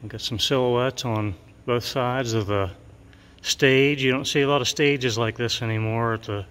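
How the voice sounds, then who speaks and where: A man's voice: mid-range voice, a bit bright, clear, resonant tone. A middle-aged man, a mural painter, casually showing his work on a walkthrough, chatty with many fillers. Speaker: mural painter giving a tour. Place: large empty school gymnasium. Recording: long gym reverb.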